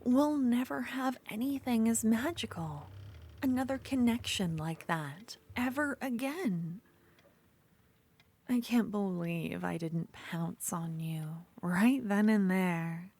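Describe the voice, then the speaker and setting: In an ASMR fantasy roleplay, a woman with a medium-pitched voice plays an obsessive, possessive yandere duelist. She speaks intimately, moving between soft speech and breathy whispers.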